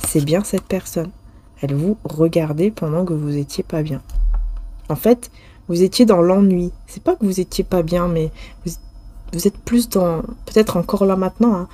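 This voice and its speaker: A woman giving a casual spoken tarot reading, talking straight to the viewer and often pausing and restarting. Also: on the low side, warm tone, breathy edge. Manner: hesitant, restarts often, many fillers; addresses viewer directly, intimate. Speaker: tarot card reader.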